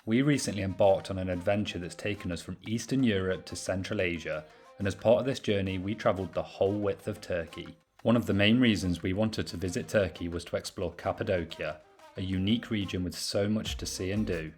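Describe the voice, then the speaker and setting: Low-voiced British man narrating travel. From Britain. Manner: measured, informative. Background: music.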